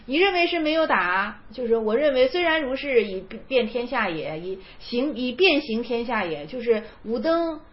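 A woman's voice: fairly high pitch, big pitch swings, moderate pace, few pauses, muffled recording. A woman giving an informal spoken lecture on Zen stories, repeating phrases for emphasis. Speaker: teacher explaining Zen koans.

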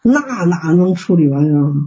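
A man's voice: a little high, steady tone, moderate pace, mellow, breathy edge. A man teaching Buddhist practice in an online Q&A, plain-spoken and folksy, full of fillers and rhetorical questions. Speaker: Buddhist teacher answering students. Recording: dull lo-fi call audio.

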